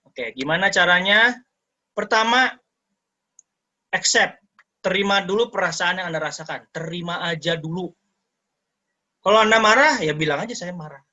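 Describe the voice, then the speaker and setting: A man lecturing over a video call, his voice bright and forceful and a little high for a man. He talks in a lively way, slips English terms into his explanations and jumps into the voices of the people he quotes. The audio is dull and lo-fi, like a call line. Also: moderate pace, pauses often. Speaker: educator giving a talk. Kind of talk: online sharing session talk.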